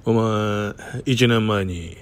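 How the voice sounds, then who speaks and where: A man voicing a stern older man, his boss's brother, in a slow, terse, grave film-star manner with a Kansai accent. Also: lowish voice, voice pushed down. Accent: Kansai Japanese.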